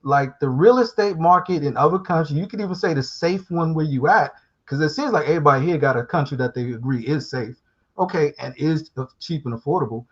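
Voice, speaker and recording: A man's voice: on the high side, fairly quick, slightly rough. A man from Guyana calling in to a live talk show, rambling and reflective with casual street slang. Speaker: guest calling in. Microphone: remote call. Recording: muffled call audio.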